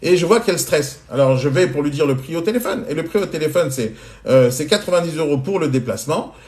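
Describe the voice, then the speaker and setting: A man in his forties telling a casual, animated anecdote, colloquial and speaking straight to the listener, into a phone mic on a live stream. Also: a little high, fast talker. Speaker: entrepreneur answering questions on a live stream.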